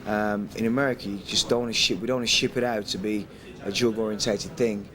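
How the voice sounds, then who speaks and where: A man's voice: fairly low pitch, fairly even intonation, quick pace, a crowd in the background. A man from England, chatting in a casual interview, rambling, swearing and laughing often. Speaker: guest DJ. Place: airport. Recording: noisy location recording.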